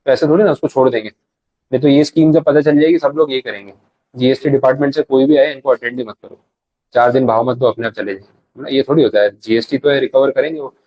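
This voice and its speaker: A man with a medium-pitched voice gives a chatty live revision lecture at a quick pace, performing little dialogues along the way. There's no echo, and the high frequencies are cut off.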